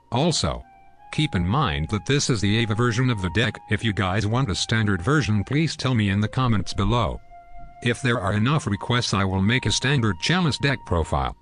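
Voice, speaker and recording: This is a synthetic male text-to-speech voice, pitched a little low, reading a scripted walkthrough at a steady, even clip. Faint music plays underneath throughout. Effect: text-to-speech robot voice. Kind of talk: scripted card game deck explanation.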